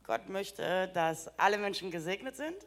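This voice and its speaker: A woman's voice: medium pitch, lively intonation, moderate pace. A woman interpreting a sermon live, giving each phrase right after the preacher speaks.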